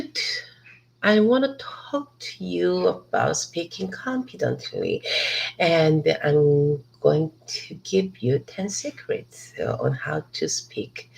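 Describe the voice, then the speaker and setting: An ESL student from Hong Kong, a native Cantonese speaker, gives a rehearsed motivational talk outside in a city park. Her low, gravelly voice is slow and slightly mellow, and she keeps pausing, restarting and repeating words to self-correct. The recording is low quality.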